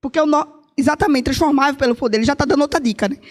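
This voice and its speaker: A woman with a Brazilian Portuguese accent preaching a sermon, who stretches key words out slowly and puts questions straight to her listeners. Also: high voice, long reverb tail. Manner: addresses listeners directly with questions.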